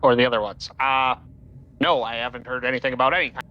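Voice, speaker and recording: A man's voice: mid-range voice, little pitch movement, fast, dull audio. A man with a nasal voice, speaking in character as a player in a tabletop game.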